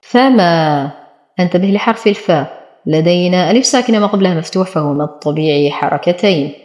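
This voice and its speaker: Woman recitation teacher, lowish voice, walks thru each letter then says the word slow, roomy echo. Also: expressive, a little mellow, lo-fi sound. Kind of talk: tajweed lesson. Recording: echoey room.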